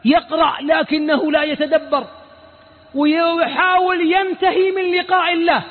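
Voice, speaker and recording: A man's voice: very high-pitched, steady tone, moderate pace. A man with a Saudi accent giving a colloquial mosque lesson as a sheikh, firing rhetorical questions at his listeners and acting out the people he quotes. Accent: Saudi Arabic. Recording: lo-fi phone-like audio with long reverb.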